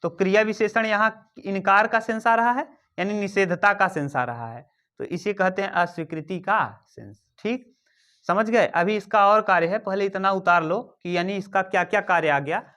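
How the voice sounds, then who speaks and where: A man's voice: sits high, normal speed, pushed and bright. A male teacher giving an exam-prep grammar lesson, repeating key terms and quizzing and dictating to his students.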